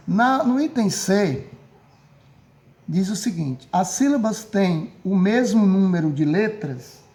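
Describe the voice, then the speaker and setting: A Brazilian man gives a recorded grammar lesson in a patient, repetitive way, stopping often to check that his students follow along. His voice sits high for a man, but its tone is soft and mellow. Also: gravelly. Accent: Brazilian Portuguese. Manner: patient, repeats and checks with "certo?". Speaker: teacher.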